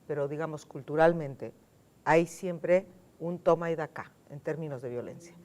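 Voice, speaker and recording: A Mexican woman with a somewhat low voice, talking on a television studio panel. She is emphatic and insistent, repeats her key words, and slows right down to drive each point home. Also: a little mellow. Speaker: panel guest.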